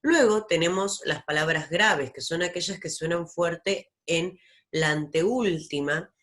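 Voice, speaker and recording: Slow, patient low-voiced woman teacher. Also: a bit bright. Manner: slow, patient explaining with many pauses and fillers. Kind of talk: recorded lesson over slides.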